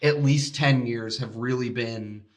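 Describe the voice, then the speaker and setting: A man's voice: medium pitch, measured pace. A man co-hosting a podcast, talking casually and rambling with many restarts. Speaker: podcast co-host. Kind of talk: casual chat.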